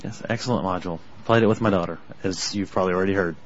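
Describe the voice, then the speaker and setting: A man co-hosting a podcast in a relaxed, casual chat. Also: sits low, rapid-fire, a little hiss or hum. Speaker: podcast co-host. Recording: dull lo-fi podcast audio.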